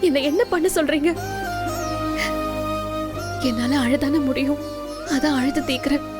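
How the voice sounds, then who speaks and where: An actress playing a devoted young wife in a TV serial, tearful and pleading, speaking. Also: female voice, sits high, unhurried, loud music behind the voice. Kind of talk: TV serial acting.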